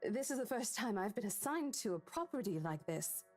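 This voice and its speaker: For a horror visual novel, an actress plays a caring young real estate agent who speaks in a reassuring, coaxing way. Her mid-range female voice is very animated and brisk, with soft music in the background.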